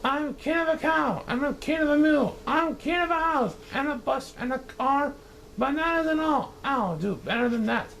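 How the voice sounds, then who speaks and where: A man voicing a pompous, boastful male turtle king, shouting his commands in a grand manner. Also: normal speed, vocal fry, slight background noise, full character voice, rough recording. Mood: commanding. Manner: shouting, grandiose, high and strained.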